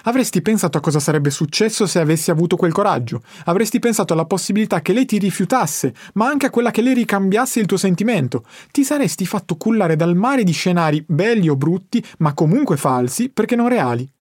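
Audiobook: patient wise male mentor read by a man, slightly high voice, dry booth. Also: animated, a little fast, hardly any pauses, a little mellow, breathy edge, no echo. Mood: patient teaching. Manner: patient, instructive. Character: calm wise older male teacher. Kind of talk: audiobook character reading.

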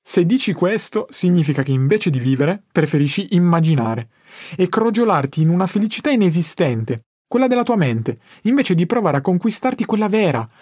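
A man reading the part of a calm, wise male teacher who explains patiently, in an audiobook. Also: high-pitched, no room sound, studio quality. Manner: patient, instructive.

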